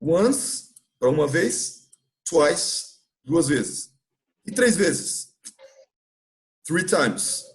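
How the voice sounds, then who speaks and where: A man's voice: a little high, big pitch swings, very slow, long pauses. A Brazilian man teaching an English class in a church classroom, patiently explaining grammar and often checking with his students.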